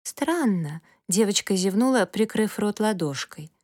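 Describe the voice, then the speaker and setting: A woman narrating a children's storybook in a calm, even way. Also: on the low side, moderate pace, dry recording, studio quality. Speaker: audiobook narrator.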